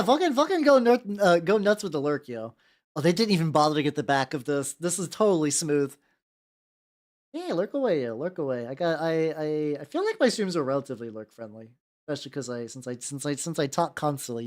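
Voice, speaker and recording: Casual livestream host, medium-pitched and very animated, rambling, sweary, chatty hobby-stream delivery. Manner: rambling, talkative, foul-mouthed. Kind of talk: casual livestream chat while painting miniatures.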